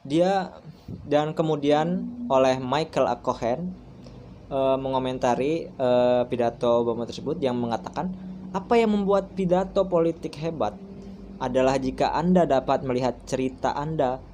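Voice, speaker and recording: Hesitant young man with a mellow voice. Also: mid-range voice, normal speed, a little hiss or hum. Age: 20s. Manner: hesitant, frequent "eh" fillers and restarts. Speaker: university student. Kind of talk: recorded class presentation.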